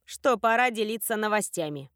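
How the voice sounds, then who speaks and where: A woman's voice: mid-range voice, a little fast, no room sound, natural voice. Curt young woman friend, read by a woman narrator, dry close sound. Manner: curt, matter-of-fact.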